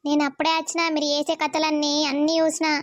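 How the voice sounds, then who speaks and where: A woman's voice: high voice, monotone, no room sound, studio quality, lightly acted. A woman voicing an angry middle-aged village mother who scolds her daughter. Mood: scolding. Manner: scolding, reproachful, rapid. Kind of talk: cartoon voice acting.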